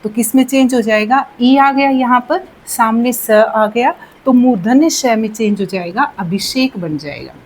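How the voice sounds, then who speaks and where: A woman explains grammar rules at a very slow, deliberate pace, in a fairly high voice. She repeats each key word and keeps checking that the listener follows. A faint hiss of background noise sits under her voice. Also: darkish tone, low-quality recording. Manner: patient, repeats key words and checks in with "theek hai". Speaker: Hindi grammar teacher.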